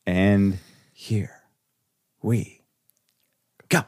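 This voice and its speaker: A man's voice: fairly low pitch, fairly even intonation, drawn-out words, darkish tone, husky. A man hosting a casual chat, quizzing his friend on movie clips with easy jokes. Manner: jokey, runs a quiz game. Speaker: podcast host.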